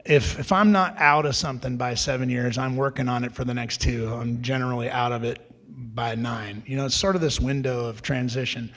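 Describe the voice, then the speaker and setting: Speaking fairly quickly in a mid-range voice, a middle-aged man appears as an entrepreneur guest at a live event. He recounts his business story conversationally and energetically, often starting over and performing the dialogue he quotes.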